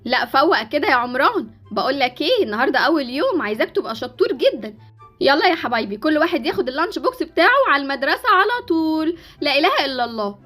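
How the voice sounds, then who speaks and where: A woman's voice: sits high, very animated, very fast, fairly bright tone, soft background music, pitched below the performer's own voice. A woman with an Egyptian Arabic accent voicing a fussy mother hurrying her kids off to school. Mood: urging. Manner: urging, fussy.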